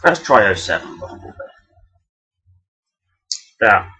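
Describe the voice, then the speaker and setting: A man's voice: fairly low pitch, sing-song, slow, pushed and bright, husky. A man giving a casual, rambling toy review in a hesitant, self-deprecating, blunt and sweary way. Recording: dull, lo-fi sound.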